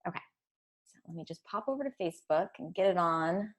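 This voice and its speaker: A woman organizing a webinar, briskly handling the stream setup. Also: on the low side, lively intonation, background noise. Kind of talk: casual technical setup.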